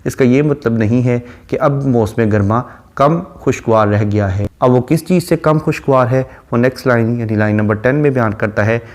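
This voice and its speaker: Male lecturer, mid-pitched, slow and measured reading of verse, patient step-by-step explanation. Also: darkish tone. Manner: reads verse lines slowly, then explains them at length. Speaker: literature lecturer.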